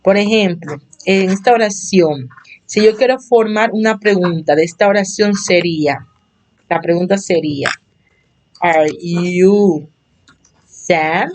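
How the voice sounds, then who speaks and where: A woman's voice: medium pitch, moderate pace, darkish tone. A woman teaching a basic English lesson in Spanish, patiently explaining and repeating examples for her students. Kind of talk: slow explanatory online lesson.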